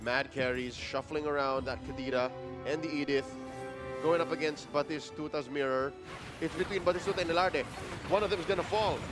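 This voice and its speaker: A man working as an esports caster, giving animated, exclamatory live commentary. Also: on the high side, a little fast, music in the background.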